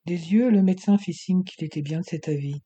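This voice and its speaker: A man narrating an adventure novel as an audiobook in a steady, measured reading. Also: high-pitched, slightly rough, lo-fi sound.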